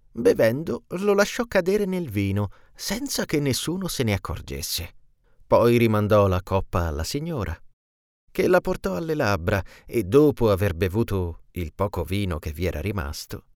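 A man reading a classic tale aloud with an expressive storytelling delivery. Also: on the low side, no room sound, studio quality.

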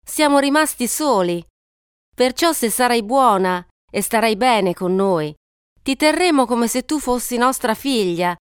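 A woman's voice: fairly low pitch, unhurried, hardly any pauses, clear, resonant tone, no room sound, clean studio sound, lightly acted. A woman playing a kindly, childless peasant wife who soothes and coaxes a crying girl in an audiobook. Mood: soothing. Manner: soothing, coaxing.

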